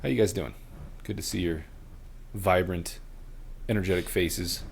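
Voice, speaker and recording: Deep-voiced jokey male podcast host. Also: unhurried, gravelly, a little hiss or hum. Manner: jokey, laughs often, leads the talk. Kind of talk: casual chat.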